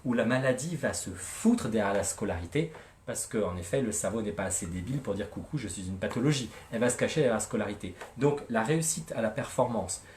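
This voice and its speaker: A man's voice: lowish voice, lively intonation, a little fast, a little mellow, a little hiss or hum. A man, a psychologist, talking casually and animatedly on a live show, joking and using slang. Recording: echoey room.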